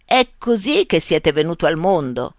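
Slow and wondering, this blind villager's voice climbs high and swoops all over as he puzzles at a stranger, as a storyteller puts him on. it is a storybook voice with a dry, close sound, lifted well above the narration. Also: sing-song, dry recording. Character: wondering blind village man, rough Spanish. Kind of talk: audiobook character voice.

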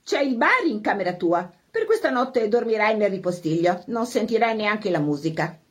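A woman voicing a snobbish social-climbing mother, bossy and fretful, in a shrill raised voice. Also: very animated, moderate pace. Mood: irritated bossy.

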